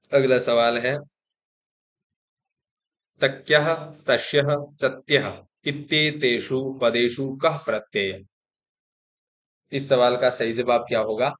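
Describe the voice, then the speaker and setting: A man leads an exam-prep grammar lesson in a mid-pitched voice. He recites each rule, then restates it in plain words. He keeps checking in with his students as he goes. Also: a bit bright. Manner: explains step by step, often saying 'theek hai' to check in; recites Sanskrit rules, then restates them plainly in Hindi. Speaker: teacher.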